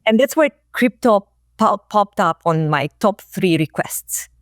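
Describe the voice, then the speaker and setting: A woman, a guest talking casually and reflectively in an interview, often pausing on fillers and restarting phrases. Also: medium pitch, animated, no room sound, clean studio sound. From Romania. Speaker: guest, marketing executive.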